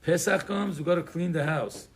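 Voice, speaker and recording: Male rabbi from Iran, informal class delivery, digressive and wry, slightly raised pitch. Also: moderate pace, slight background noise. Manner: conversational, digressive, joking asides, frequent fillers. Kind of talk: informal Torah class to a live audience.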